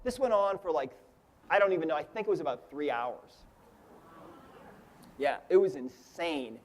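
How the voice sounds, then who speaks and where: A man's voice: fairly high pitch, normal speed. A man in his fifties, teaching a lesson by telling a personal story in a chatty way, often checking in with "right?" and "okay?". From United States. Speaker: energy healing teacher. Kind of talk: storytelling lecture.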